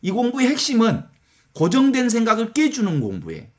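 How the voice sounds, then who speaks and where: Animated Korean priest giving a talk. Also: male voice, very high-pitched, a little fast. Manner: conversational, animated storytelling with acted-out counting. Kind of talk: spiritual lecture.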